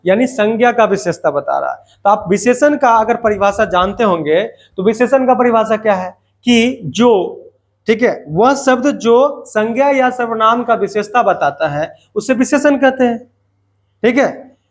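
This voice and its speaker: A man's voice: sits high, animated, measured pace. A man teaching a grammar lesson to students, repeating points and asking questions that he answers himself, with playful asides.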